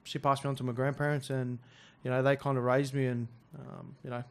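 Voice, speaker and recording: A young Australian man in his twenties, a rugby league player talking as a guest, soft-spoken and halting, with many fillers and restarts. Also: mid-range voice, flat delivery, clean tone. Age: 20s. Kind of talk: casual interview chat.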